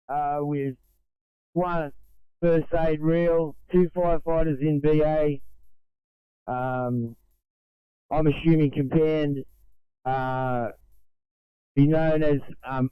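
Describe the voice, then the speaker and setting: A man, a fire crew officer, giving a halting emergency report over a walkie talkie radio, with fillers between his clipped phrases. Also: on the high side, clean tone, dry recording. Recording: tinny narrowband radio channel.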